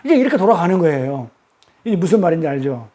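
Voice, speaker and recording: A man's voice: on the high side, big pitch swings, fast, warm tone. A man preaching a Sunday sermon, emphatic and repetitive, talking straight to the congregation.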